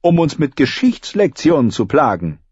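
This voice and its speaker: A man's voice: fairly high pitch, big pitch swings, normal speed, darkish tone, slightly rough, dry recording, highs cut off, pitched above the performer's own voice, heavily acted. A man reading an audiobook, voicing a proud, angry queen regent in a cold, scornful tone.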